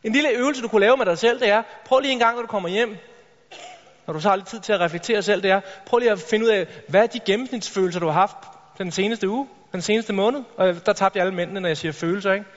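A man giving an energetic motivational talk on stage, addressing the audience directly with rhetorical questions. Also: high voice. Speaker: motivational speaker. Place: large hall with a stage. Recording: reverberant hall, dull lo-fi sound.

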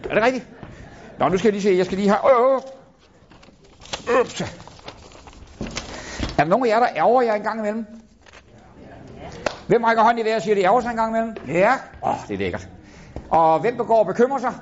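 Middle-aged male motivational speaker, fairly high voice, blunt and profane, works the audience with questions, dull lo-fi sound. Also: a little mellow. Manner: blunt, swearing, asks the crowd questions. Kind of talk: live motivational talk to an audience. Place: in front of a live audience. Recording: dull lo-fi recording.

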